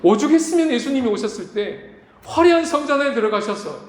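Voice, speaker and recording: A man's voice: big pitch swings, brisk, slight background noise. A man preaching a sermon as pastor, acting out voices as he speaks. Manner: dramatic preaching, acts out quoted voices with big pitch swings. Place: church sanctuary. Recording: echoey church room, faint ambience.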